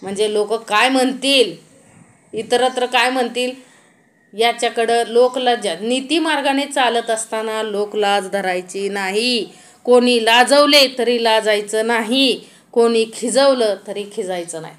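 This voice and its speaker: Female spiritual lecturer, slightly high voice; chants verses slowly, then explains them conversationally and asks the listeners questions. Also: a bit bright. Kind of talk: devotional discourse on scripture.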